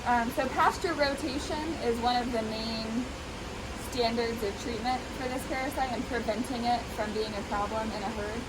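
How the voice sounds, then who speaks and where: Higher-voiced woman talking through a face mask, noisy. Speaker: veterinary professional treating goats. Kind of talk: casual explanatory talk to camera. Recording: noisy, steady rushing background hiss.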